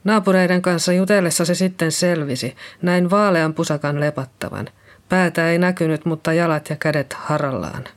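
With a natural, fairly even medium-pitched voice, an audiobook narrator portrays a middle-aged nurse being questioned by police. She comes across shaken and nervous, speaking hesitantly and apologetically.

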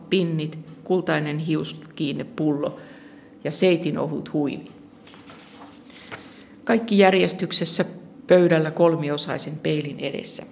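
A narrator reading a first-person short story in a calm, steady storytelling manner. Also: medium pitch, slight background noise.

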